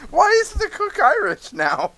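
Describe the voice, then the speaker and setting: A man's voice: extremely high pitch, wildly swooping pitch, a little slow, sharp tone. A man playing a tabletop game, trading casual, sardonic, teasing banter with the group.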